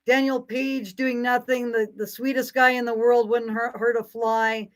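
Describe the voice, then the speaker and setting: A woman's voice: a little high, little pitch movement, normal speed. A woman talking casually to her audience in an indignant, rambling monologue, often breaking into mocking asides. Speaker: commentator.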